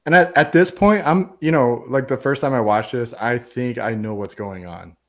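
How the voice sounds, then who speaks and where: A man's voice: mid-range voice, moderate pace. A man hosting a casual movie podcast, retelling the plot in a loose, profane, rambling way and quoting the characters. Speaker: podcast host.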